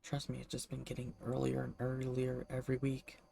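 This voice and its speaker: Streamer, sex ambiguous: low-key, hushed, mellow and creaky, casual chat delivered quietly so housemates aren't disturbed. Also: monotone, fairly quick, slight background noise. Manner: speaks low and hushed so as not to disturb roommates. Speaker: game streamer. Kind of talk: casual livestream chat over a game, kept hushed.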